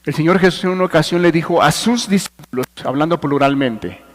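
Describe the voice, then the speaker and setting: Male preacher, high voice, hushed-to-forceful sermon delivery, long church reverb. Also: brisk. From Mexico. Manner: swings between hushed and forceful preaching, addresses listeners directly. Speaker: pastor.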